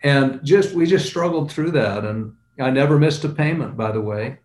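A man's voice: mid-range voice, darkish tone. An older man, a guest, earnestly recounting his early struggles in business. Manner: earnest, unhurried recollection. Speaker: guest entrepreneur. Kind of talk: personal storytelling. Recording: roomy echo.

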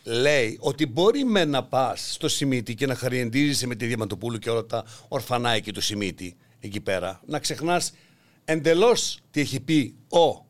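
A man's voice: medium pitch, animated. An older man hosting a satirical political monologue, mocking and theatrical, acting out voices as he goes. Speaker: podcast host.

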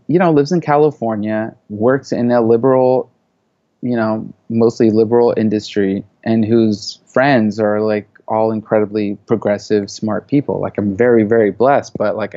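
On the low side with fairly even intonation, this man speaks at normal speed in a dark tone, recorded with no echo but sounding muffled. In his thirties, born in Saudi Arabia and raised in the US, he's a media creative guesting in a casual interview, talking loosely and saying "you know" and "like" a lot.

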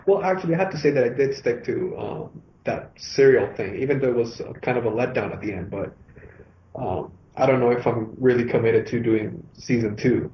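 A man's voice: medium pitch, moderate pace. Male podcast guest, Venezuelan Spanish accent, rolled r's, rambling and joking, mid-range voice, muffled call audio. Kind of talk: casual chat. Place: remote call. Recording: dull lo-fi call with some noise.

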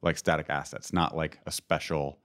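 A man with a remarkably low, deep voice talks in an unhurried, informal way. He is getting over an illness and explains technical things casually, as a podcast co-host would. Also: level tone, a bit bright. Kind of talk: casual tech chat.

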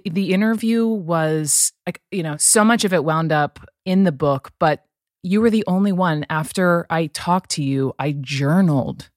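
A woman guest in an interview, talking quickly and effusively and restarting her sentences. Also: low voice, darkish tone, no room sound, clean studio sound. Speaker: guest, former news anchor. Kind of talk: conversational interview.

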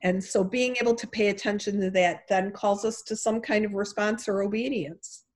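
A middle-aged woman with a Chicago accent, a guest author chatting casually in an interview and pausing often with "um". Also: medium pitch. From Chicago area. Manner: relaxed, many "um" pauses.

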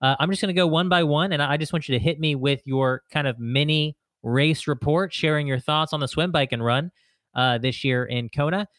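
A man's voice: fairly high pitch, fairly quick, fairly bright tone, dry recording. A man hosting a podcast interview, friendly and organized, steering guests through their stories. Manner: friendly, structured questions, laughs along. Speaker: podcast host.

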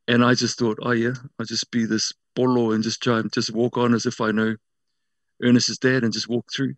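A man's voice: medium pitch, level tone, moderate pace, dry recording. A man with a New Zealand accent and a mid-range voice, recorded dry. He tells personal stories informally, stopping and rephrasing as he goes. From South Auckland, New Zealand. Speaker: interview guest working in media. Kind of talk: casual personal storytelling.

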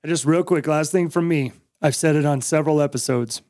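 An American man with a fairly high voice talks casually and emphatically on a podcast. He drives points home by repeating them, in a dry, close recording. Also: fairly quick, a little mellow, no echo. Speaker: podcast host. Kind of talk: casual opinionated podcast talk.

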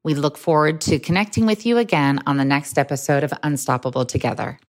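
A woman's voice: sits low, brisk. A woman podcast host reading a polished, scripted outro.

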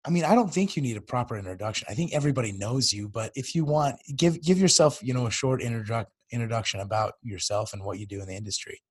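Hoarse, gravelly-voiced man hosting a podcast. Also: mid-range voice, fast, hardly any pauses. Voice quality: gravelly, raspy. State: hoarse, voice nearly lost. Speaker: podcast host. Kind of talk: casual podcast chat.

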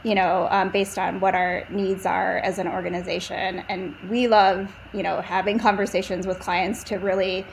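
A woman's voice: medium pitch, flat delivery, moderate pace, vocal fry, few pauses, a little hiss or hum, rough recording. A woman guest in a casual interview, chatty and thinking aloud with many fillers. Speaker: agency co-founder, guest.

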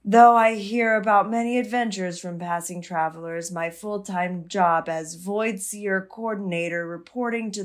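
A woman voicing an eighty-year-old nurturing void seer with a hoarse, cold-like voice, reading slowly in the first person. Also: mid-range voice, fairly bright tone, close to an everyday voice.

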